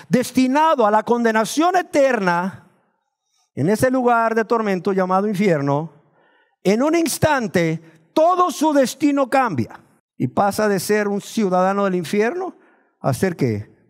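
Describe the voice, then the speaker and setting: A man born in Nicaragua preaching a sermon, asking his listeners questions and slowing down to stress the words of scripture. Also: sits high. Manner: asks the congregation rhetorical questions. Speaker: pastor.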